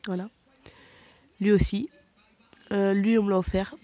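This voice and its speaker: A woman chats casually to her viewers about her game collection, stumbling over names and correcting herself often. Her pitch sits in a middle range. The recording is dry, with no room sound. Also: little pitch movement, a little slow, mellow, dry recording. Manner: rambling, hesitant, many fillers and self-corrections. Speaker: gaming vlogger.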